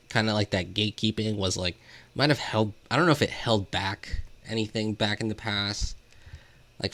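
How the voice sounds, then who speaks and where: In a fairly low, slightly bright voice, a podcast co-host chats casually about music. He rambles hesitantly, using "like" again and again as filler.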